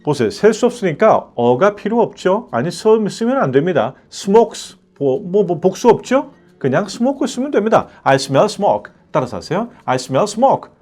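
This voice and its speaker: A man teaching an English lesson to a class. He asks rhetorical questions and slows right down to say each example sentence for students to repeat. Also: sits high, very animated, warm tone. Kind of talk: lecture.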